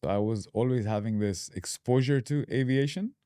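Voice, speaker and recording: A man from Dubai in his thirties, a podcast guest talking casually and explaining his path with relaxed fillers. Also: mid-range voice, normal speed, smooth, no echo, clean studio sound. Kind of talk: casual interview.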